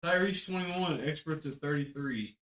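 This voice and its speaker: A man's voice: a little high, moderate pace, a bit bright. A man co-hosting a podcast, joking and teasing in casual basketball talk. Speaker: podcast co-host. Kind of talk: casual sports chat. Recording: roomy echo.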